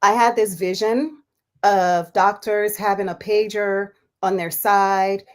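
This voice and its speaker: A woman in her forties from Liberia, a physician telling her life story as a guest in a relaxed interview, chatty and quick to laugh. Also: mid-range voice. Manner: chatty, laughs often, many fillers.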